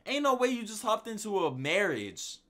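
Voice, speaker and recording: A man's voice: high-pitched, big pitch swings, normal speed, a bit bright. A man giving slangy, laid-back reaction commentary as a streamer, talking at the screen.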